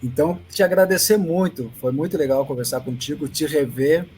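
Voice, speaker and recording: A man's voice: a little high, fairly quick, a little mellow. A Brazilian-accented man hosting an interview in a casual, conversational way. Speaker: interview host. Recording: faint background noise.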